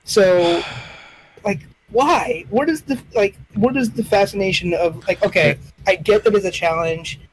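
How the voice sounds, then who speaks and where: A man's voice: sits high, unhurried, husky, poor audio. A young man co-hosting a comedy podcast, talking casually with an incredulous tone, often repeating and stumbling over words. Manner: incredulous, repeats himself, stammers. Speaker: podcast co-host. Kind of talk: casual chat.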